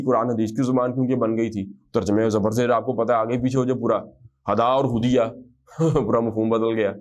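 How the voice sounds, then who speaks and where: A man teaches a grammar lesson to a class at a steady mid pitch, slowing right down to spell out each Arabic example phrase. His manner is explanatory, and he keeps checking that students follow.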